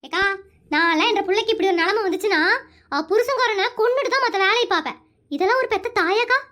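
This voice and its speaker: A performer voicing a chatty, caring village woman in an animated comedy who exclaims and keeps calling the other woman "akka". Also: extremely high pitch, fast talker. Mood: indignant.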